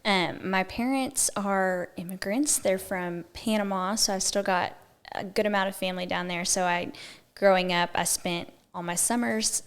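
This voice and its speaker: A woman in her twenties from Houston with a Texan accent, chatting casually as a podcast guest, self-deprecating and quick to laugh. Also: medium pitch, clean tone. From Houston, Texas. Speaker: podcast guest, business owner. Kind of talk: casual interview chat.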